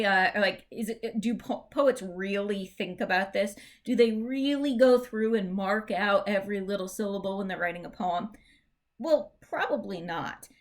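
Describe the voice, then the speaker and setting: A woman teacher giving a classroom lecture, explaining step by step in a chatty way with lots of fillers. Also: mid-range voice.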